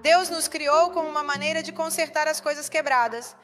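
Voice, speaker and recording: A woman's voice: high voice, normal speed, a bit bright, faint music behind. A woman pastor preaching a sermon, emphatic and putting rhetorical questions to the congregation.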